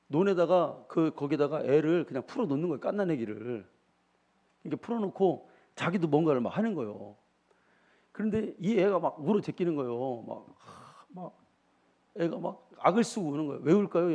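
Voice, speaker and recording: A man's voice: fairly high pitch, dark tone. A middle-aged man, preaching a sermon as pastor, telling homely stories and often asking the congregation questions. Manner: folksy storytelling, asks the congregation questions.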